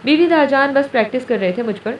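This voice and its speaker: A man's voice: very high-pitched, animated, a little hiss or hum. A woman narrator voicing a playful, grumbling young husband, recorded distant and roomy with a dull tone. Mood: teasing.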